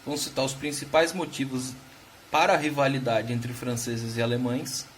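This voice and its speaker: Recorded with a faint hiss or hum, a Brazilian history teacher speaks at a moderate pace in a steady, medium-pitched voice and Brazilian Portuguese accent. He lays things out patiently and keeps checking in with his class.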